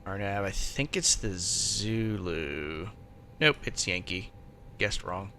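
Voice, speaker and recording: A man's voice: animated, takes it slowly, pushed and bright. A man streaming as a virtual pilot, casually thinking aloud and muttering to himself as he works through steps. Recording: faint background noise and low rumble.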